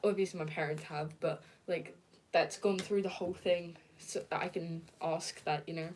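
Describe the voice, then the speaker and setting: Young woman, low-ish voice, soft hesitant livestream chat, faint hiss behind. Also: fairly even intonation, moderate pace. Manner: soft, hesitant, many fillers, giggly. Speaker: livestreamer reading viewer comments. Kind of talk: casual live-stream chat.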